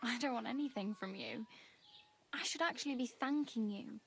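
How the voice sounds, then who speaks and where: A woman's voice: a little high, moderate pace, vocal fry, fairly bright tone, slight background noise. An actress playing a cheerful, chatty young female wanderer in a game. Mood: friendly. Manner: friendly, chatty, laughs easily.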